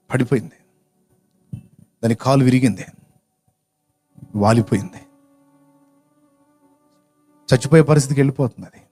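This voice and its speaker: A man's voice: mid-range voice, dark tone. A man preaching a sermon, telling a story in an earnest, emotional way that swells with feeling.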